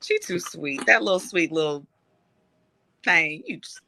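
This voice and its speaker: A woman's voice: lowish voice, lively intonation, a little slow, vocal fry, pushed and bright, a little hiss or hum. A woman in casual chat, playful and teasing, laughing often.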